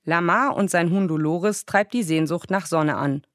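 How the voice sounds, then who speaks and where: A woman presenting a scripted book review on the radio in an even, measured way. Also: on the low side, dry recording, studio quality.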